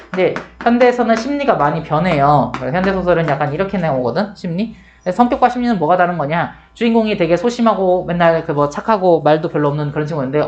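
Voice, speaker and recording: A man's voice: a little high, dull audio. A man in his forties giving a classroom literature lecture, chatty, acting out quotes in changed voices. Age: 40s. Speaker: Korean literature teacher.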